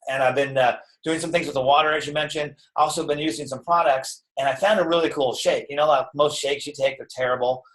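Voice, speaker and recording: Man, slightly high-pitched, casual and energetic trainer; echoey room sound. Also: fast talker, few pauses. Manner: energetic and chatty, full of "okay" and "right". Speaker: network marketing trainer. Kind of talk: casual live-stream training talk.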